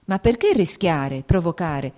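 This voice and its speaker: A woman's voice: fairly low pitch, expressive, a little slow, dark tone. A woman reading the part of an anguished, jealous young noblewoman, with tearful, pleading outbursts.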